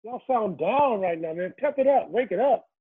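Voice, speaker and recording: A man's voice: high voice, animated, moderate pace, a loud crowd. Man on a dull lo-fi laptop mic, sounds like he's talking into a cup, joking and laid-back. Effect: muffled, as if talking into a cup. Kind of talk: casual chat.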